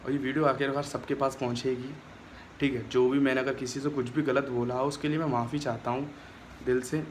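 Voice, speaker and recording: A man's voice: mid-range voice, flat delivery, fairly quick, a little hiss or hum. A young man talking straight to his phone camera in a casual vlog, aggrieved and complaining as he retells a quarrel. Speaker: vlogger.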